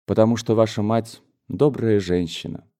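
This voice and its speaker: Man reading a brooding poor gentleman, low and grave. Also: fairly even intonation, moderate pace, lightly acted. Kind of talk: audiobook character voice.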